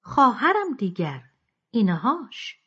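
A woman's voice: on the high side, wildly swooping pitch, fairly bright tone, slightly rough, muffled recording, full character voice. A woman reading as a chatty little girl. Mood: eager. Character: little girl of seven or eight, chatty and blunt.

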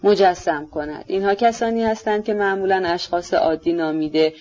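An audiobook narrator giving a steady, measured literary reading of a novel. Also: mid-range voice. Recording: slightly dull lo-fi recording.

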